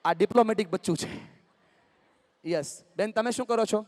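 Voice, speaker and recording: A motivational speaker, talking live to an audience and coaxing and joking with the crowd. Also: male voice, high-pitched, normal speed, darkish tone, big-room sound. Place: large hall with live audience.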